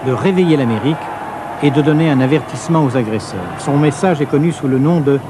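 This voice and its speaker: A man reading scripted historical documentary narration in a sober, measured way. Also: a little high, noisy background.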